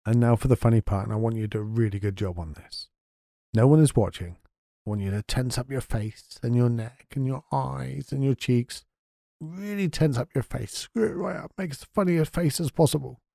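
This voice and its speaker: A man leads a guided sleep meditation in a soft, unhurried voice. His tone is deeply mellow and warm. The sound is dry and close. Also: creaky, no room sound. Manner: soft, slow and soothing.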